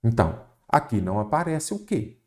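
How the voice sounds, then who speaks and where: Brazilian guy teaching grammar for exams, lively, keeps asking the class questions. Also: medium pitch, normal speed. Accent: Brazilian Portuguese. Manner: lively, rhetorical questions to students. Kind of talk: exam-prep grammar lesson.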